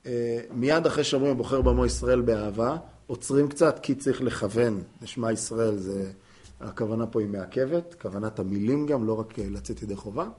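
A man gives a Torah class in a plain middle-pitched voice. He explains the law patiently, stopping often on fillers before he finds the next point. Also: a little mellow. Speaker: rabbi teaching halakha. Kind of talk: torah lesson.

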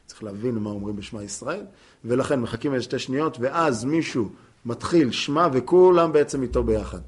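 A man gives a Torah class in a plain middle-pitched voice. He explains the law patiently, stopping often on fillers before he finds the next point. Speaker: rabbi teaching halakha. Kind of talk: torah lesson.

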